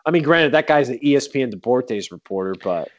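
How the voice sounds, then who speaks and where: A man's voice: mid-range voice, fast talker, a little hiss or hum. A man chatting casually and jokingly about sports, with many fillers. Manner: animated, joking, lots of fillers. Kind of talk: casual chat.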